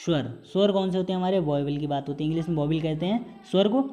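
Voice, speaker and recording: A man's voice: a little high, warm tone, soft background music. A man teaching a recorded exam-prep lesson as a Hindi teacher. He explains step by step, drags out sounds to show how they are pronounced, and mixes English terms into his talk. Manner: explanatory, drawn-out sounds to demonstrate pronunciation.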